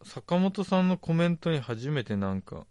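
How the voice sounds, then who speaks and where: Man, podcast co-host, mid-pitched, lively intonation, teasing, dry close recording. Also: normal speed, clean tone, dry recording. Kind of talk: casual chat.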